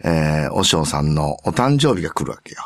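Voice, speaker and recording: A man's voice: very deep voice, very animated, a little fast, no echo, studio quality. A man with a Kansai accent, hosting a radio show with playful, jokey banter. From Kobe. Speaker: radio host, a monk. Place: radio studio.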